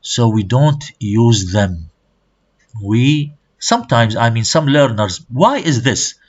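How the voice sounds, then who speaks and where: In a slow, husky, sing-song voice full of pitch movement, a male lecturer whose first language is Arabic teaches a college class in English and Arabic, explaining terms and checking on students. It's a muffled, dull lo-fi recording.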